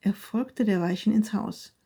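Warm-voiced woman reading a story. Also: mid-range voice, unhurried, gravelly, husky. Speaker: narrator. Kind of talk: read-aloud story.

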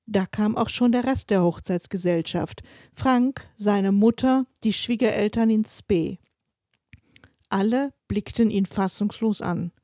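A woman narrates a short story in a steady, mid-pitched voice, slowing and speeding to follow the tension. The recording is dry and close, with no room sound. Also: no echo. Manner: expressive, shifting pace with the tension. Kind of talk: storytelling reading.

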